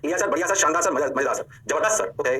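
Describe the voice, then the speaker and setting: Male physics teacher, quick patter, higher-pitched, playful and animated delivery. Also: breathy edge. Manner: animated, playful catchphrases, rhetorical questions to students. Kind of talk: energetic online lecture.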